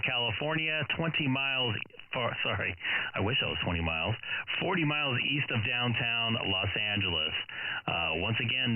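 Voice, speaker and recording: A man working as a ham radio operator, calling CQ from his home radio shack in a measured on-air cadence and spelling his call sign phonetically. His voice comes through with a radio-room sound and static. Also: medium pitch. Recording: tinny phone-like sound, faint static hiss.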